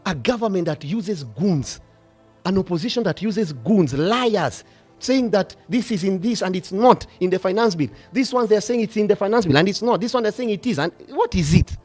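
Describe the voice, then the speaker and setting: A middle-aged bishop with a Kenyan accent, preaching passionately, swinging from hushed asides to loud rebukes. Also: male voice, high voice, lively intonation, normal speed, faint music behind. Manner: passionate, switching between whispers and shouting. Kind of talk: fiery sermon.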